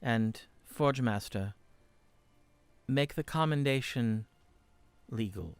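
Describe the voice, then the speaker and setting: A man voicing a formal council leader who speaks in measured, ceremonial phrases. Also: mid-range voice, clear, resonant tone, no echo, natural voice. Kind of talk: tabletop role-play voice.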